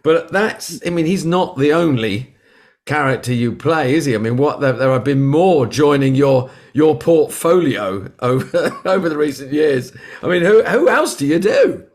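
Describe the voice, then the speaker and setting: A man interviewing a guest in a casual, halting way, repeating his words. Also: on the high side, big pitch swings.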